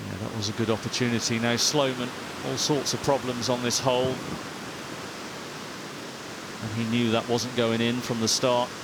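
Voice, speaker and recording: Male golf commentator over clear background rumble. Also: level tone, normal speed, long pauses. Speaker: golf co-commentator and former player.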